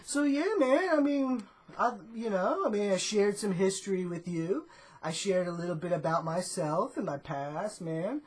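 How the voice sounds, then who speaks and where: A woman hosting her own offbeat vlog, talking in a slow, rambling, stoner-dude drawl. Her voice is soft and breathy, with a slight husk at mid pitch. She drifts between "you know" and "uh," and nearly every phrase ends on a lazy "man.". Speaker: vlogger. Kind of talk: laid-back comedic vlog monologue.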